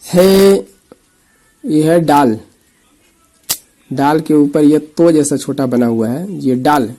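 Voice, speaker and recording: A man teaching the Urdu alphabet, patiently repeating letter names slowly and explaining each letter. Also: on the high side, animated, mellow, faint music behind, poor audio. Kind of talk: slow letter-by-letter reading lesson.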